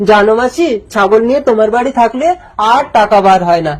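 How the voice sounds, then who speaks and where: A woman's voice: fairly high pitch, lively intonation, fast talker, a little mellow. Woman voicing a dim-witted young husband. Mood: naive. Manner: childlike, bumbling questions. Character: foolish naive young village husband, male. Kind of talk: cartoon voice acting.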